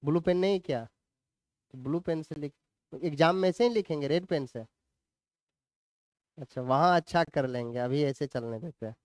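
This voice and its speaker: A man teaching a class, dictating slowly phrase by phrase and repeating lines, with asides to students. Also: on the high side, darkish tone, no echo, clean studio sound.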